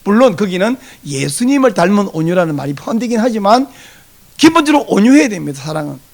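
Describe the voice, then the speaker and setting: A man preaching a Sunday sermon as pastor, lively and animated, acting out the voices of people he quotes. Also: high voice, fast talker, creaky.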